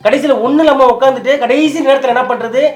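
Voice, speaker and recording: His voice very high-pitched, steady in tone, and fast, a husband weeps while pleading with and reassuring his wife. It is an emotional scripted couple scene from a staged prank video.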